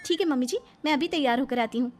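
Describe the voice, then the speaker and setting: A woman's voice: sits high, quick pace, faint music behind, lightly acted. A woman playing a cheeky young daughter-in-law in a cartoon story, theatrically quoting film dialogue. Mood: coaxing. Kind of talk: animated moral story acting.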